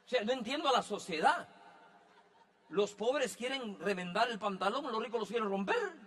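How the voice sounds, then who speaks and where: A male pastor delivering a sermon in a high, ringing voice with a bright, forceful edge. He keeps it chatty and humorous, stopping again and again to check that his listeners follow along. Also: lively intonation, normal speed, long reverb tail. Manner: conversational, joking, keeps asking if he is understood.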